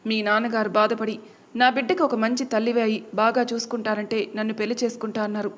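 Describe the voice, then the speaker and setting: A woman's voice: a little high, level tone, fast, lightly acted. A woman voices a humble middle-aged stepmother in a storybook tale. She explains her past sorrowfully.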